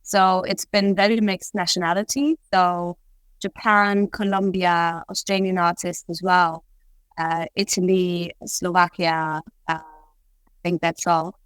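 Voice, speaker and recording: A woman's voice: lowish voice, level tone, slow, smooth. A woman artist on a video call, answering interview questions reflectively in thoughtful, hesitant phrasing. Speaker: artist in residency, interview guest. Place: remote art residency studio, on a video call.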